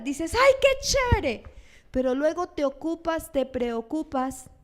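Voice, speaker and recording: A woman pastor, preaching a sermon in an animated way. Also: high voice. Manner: animated, acts out churchgoers' lines in quoted voices.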